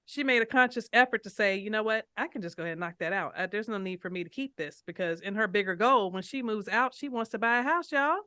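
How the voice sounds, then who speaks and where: Animated woman host with a bright, crisp voice. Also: medium pitch, quick pace, few pauses, no room sound, studio quality. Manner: animated, playful, addresses listeners as y'all. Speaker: podcast host and financial coach. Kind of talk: casual interview.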